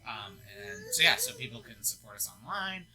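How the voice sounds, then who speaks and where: A man's voice: very high voice, wildly swooping pitch, normal speed, a crowd in the background, poor audio. A young man, co-owner of a gaming lounge, chatting casually about business plans in an easygoing way, with frequent ums and laughs. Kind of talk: casual business update chat.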